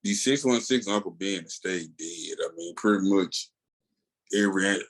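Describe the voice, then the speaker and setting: A man with a low voice and moderate pace co-hosts a comics podcast, heard on a low-quality recording. Hailing from rural Tennessee and speaking with a Southern US accent, he tells casual, colloquial stories in animated chat and acts out the dialogue he quotes.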